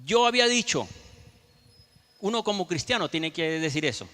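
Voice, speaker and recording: A man's voice: fairly high pitch, big pitch swings, normal speed, sharp tone, long reverb tail. A man preaching a sermon as a pastor, telling a personal story and speaking directly to the congregation. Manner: storytelling, addresses the congregation as brothers.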